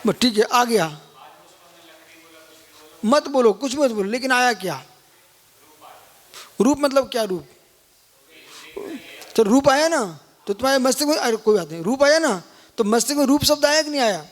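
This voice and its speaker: High-voiced man lecturing in a reverberant hall. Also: expressive, moderate pace, pauses often. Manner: questioning, prodding listeners to answer. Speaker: Jain monk teaching scripture. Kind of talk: live scripture lecture with questions to listeners.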